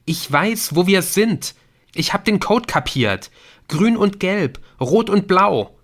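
A man voicing an excited, clever teenage boy in a German audiobook, blurting out his discovery. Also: medium pitch, moderate pace, voice pushed up, natural voice.

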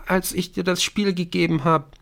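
A man reading an audiobook, voicing a frightened teenage girl who pleads in a high, shaky voice. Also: steady tone, moderate pace, gravelly, fairly bright tone. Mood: subdued.

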